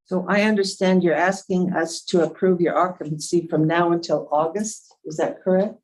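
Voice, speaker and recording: Give me a woman with a lower voice who chairs a city council meeting. She moves through the agenda and puts plain, direct questions to the people in front of her. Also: fairly even intonation, moderate pace, darkish tone, poor audio.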